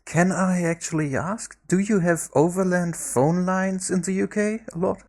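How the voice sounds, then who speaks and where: A man co-hosting a casual podcast chat, measured and teasing. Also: sits high, fairly even intonation, darkish tone. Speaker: podcast co-host.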